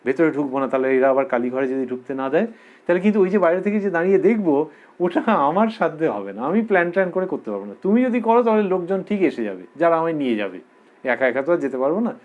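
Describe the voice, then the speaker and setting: A man giving a spiritual discourse as a religious lecturer, explaining slowly and repeating quoted verses for emphasis. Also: on the high side, animated, darkish tone, muffled recording.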